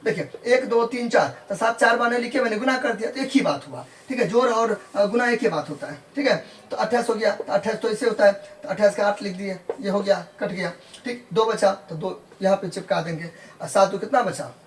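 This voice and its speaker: The same kind of decimal sum gets explained by a male maths teacher whose high voice runs a little fast, picked up on a distant mic with faint background noise. He goes over every step repeatedly and often asks "clear?" to confirm the class is with him.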